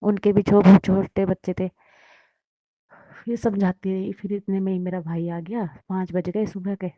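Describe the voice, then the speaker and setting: Woman, personal testimony, flat delivery, dull lo-fi sound. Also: medium pitch, normal speed, dry recording. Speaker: devotee sharing a testimony.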